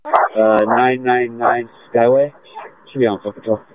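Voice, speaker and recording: A police officer calling in over a two-way radio, giving clipped code words and spelling names out phonetically. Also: male voice, medium pitch, level tone, a little slow. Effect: heard over a two-way radio. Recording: tinny dry radio transmission.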